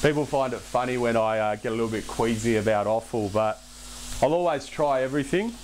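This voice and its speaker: A young man hosting a casual cooking demonstration in a home kitchen, relaxed and chatty, with self-deprecating asides. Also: mid-range voice, fairly quick, slight background noise. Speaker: cooking show host. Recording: background music under the voice. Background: music and pan sizzling.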